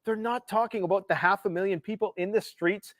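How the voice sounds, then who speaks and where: A man's voice: sits high, a little fast, a bit bright, no echo. A Canadian man hosting a political livestream, ranting emphatically and sarcastically about world events. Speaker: livestream host.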